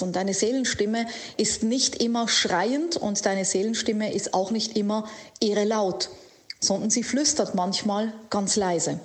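A woman coach gives a motivational talk, addressing the listener directly. She speaks slowly and earnestly, leaning on key words. Her voice sits at an ordinary middle pitch. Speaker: life coach. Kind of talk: motivational monologue to camera.

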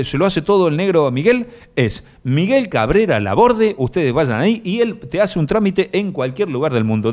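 A man with an Argentine accent hosting a live stream, reading viewer comments and rambling through mock-serious jokes with many fillers. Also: a little high. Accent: Argentine Spanish. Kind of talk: joking casual chat.

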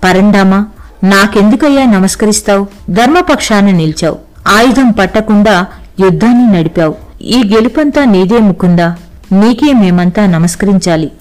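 A woman's voice: medium pitch, expressive, normal speed, darkish tone, lightly acted, rough recording. A woman voicing a gracious, humble elderly male grandsire in a storybook reading.

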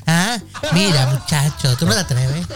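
A man playing a gossipy, flirty, scatterbrained woman in a radio comedy sketch, talking dramatically and excitably. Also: a little high, normal speed, lightly acted. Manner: dramatic and excitable, with frequent exclamations. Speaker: weekly comedy character on a radio show.

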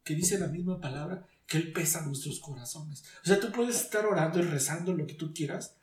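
Man, emotional faith testimony, earnest, slightly high voice, far from mic. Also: a little fast. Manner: earnest, searching, restarts with "o sea". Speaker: guest giving a faith testimony. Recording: echoey room, distant mic.

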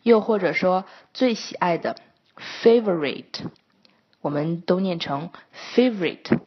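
A woman teaches English sounds in a calm, explanatory way, with frequent pauses and fillers. Her voice is a little husky, and the recording sounds dull and lo-fi. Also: on the low side. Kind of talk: scripted lesson narration.

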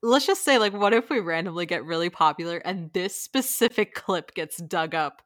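A woman's voice: lowish voice, expressive, moderate pace, no room sound, studio quality. Giggly young woman podcast co-host. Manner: giggly, rambling with many "like" fillers. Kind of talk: casual podcast chat.

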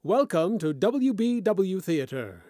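A man's voice: high-pitched, big pitch swings, slow, dark tone, no echo, studio quality. A man announcing in old-time radio style, introducing scripted programs in a grand, theatrical manner.

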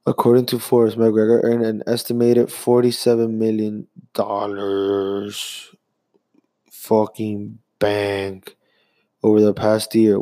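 Young dude vlogging, cussing a lot, kinda low mellow voice, rambly. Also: male voice, no room sound. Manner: profane, rambling, fast bursts with sudden slowdowns. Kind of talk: casual sports rant.

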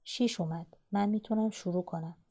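A woman's voice: medium pitch, dark tone, lightly acted. A woman reading the part of a bossy young boy who scolds his little sister at a board game. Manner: scolding, impatient. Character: bossy impatient young boy, older brother.

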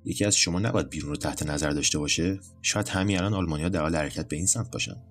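A man with a very deep voice playing a brisk, decisive young male army officer. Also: faint music behind.

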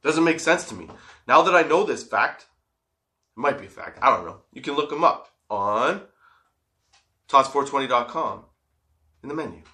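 A man's voice: medium pitch, animated, moderate pace, long pauses, sharp tone. A man hosting a casual, comedic solo podcast, stoned and rambling, giggly, drawing out the odd word. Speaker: podcast host.

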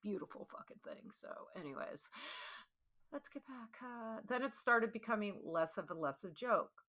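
A woman's voice: mid-range voice, normal speed. A young woman hosting a podcast, telling a story bluntly and with a lot of swearing. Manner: blunt, profane, animated. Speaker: podcast host.

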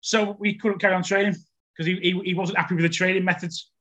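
A man with a notably high voice hosts a relaxed football podcast. He talks in a chatty, storytelling way and often repeats himself as he gets going. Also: fast. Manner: chatty storyteller, stammers when starting a story. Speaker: podcast host. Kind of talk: casual podcast chat.

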